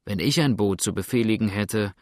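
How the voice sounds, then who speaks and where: A man's voice: fairly low pitch, brisk, a little mellow, dry recording, clean studio sound, close to an everyday voice. A man reading a blunt, grudging river boatman in an audiobook. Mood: grumbling. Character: grumbling seasoned river boatman.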